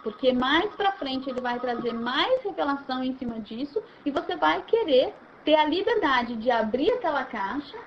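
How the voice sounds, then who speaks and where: A woman leading an informal Bible study, animated and acting out scenes as she explains. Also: high voice, normal speed, few pauses, dull audio, a little hiss or hum. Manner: animated, acts out scenes, repeats words while restarting.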